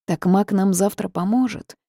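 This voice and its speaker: A woman's voice: mid-range voice, normal speed, warm tone, no echo, clean studio sound, voice pushed up, lightly acted. A woman voicing a timid, fussy male barn spirit who talks meekly and plaintively. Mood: flustered. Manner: meek, flustered, plaintive.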